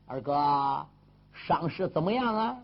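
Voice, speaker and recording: A man's voice: fairly high pitch, expressive, slow pace, lo-fi sound, very noisy. A man doing an earnest, coaxing warrior brother. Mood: concerned. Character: loyal concerned warrior man, sworn younger brother.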